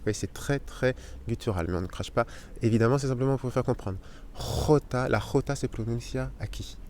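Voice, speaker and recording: A man's voice: mid-range voice, darkish tone, slight background noise. Man teaching Spanish letters. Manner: explains slowly, spelling out sounds and repeating them. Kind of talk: language lesson.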